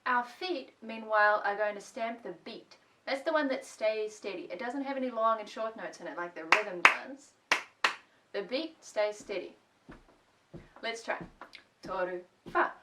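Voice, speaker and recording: A woman's voice: a little high, normal speed, heavy background noise. A woman music teacher leading a children's music lesson at home, playful, singing song lines between her spoken instructions. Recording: voice a little distant from the mic.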